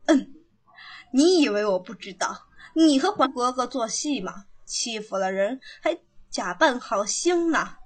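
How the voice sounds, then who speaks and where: A woman's voice: on the high side, animated, a little slow, breathy edge. A woman playing a cruel old female palace servant who taunts and bullies a prisoner. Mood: sneering. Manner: taunting, bullying. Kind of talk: period palace drama acting.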